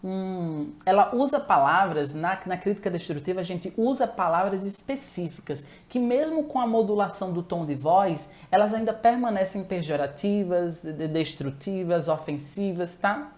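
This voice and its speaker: A woman's voice: fairly low pitch, normal speed, few pauses, a little mellow. Woman giving a chatty live-stream talk. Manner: chatty, asks viewers to answer, frequent self-corrections. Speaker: relationship talk presenter.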